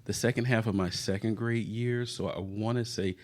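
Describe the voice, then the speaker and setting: A man's voice: fairly low pitch, steady tone, normal speed, darkish tone. A man in his forties hosting a casual podcast chat with his wife, easygoing and laughing often. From Florida, US. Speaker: podcast host.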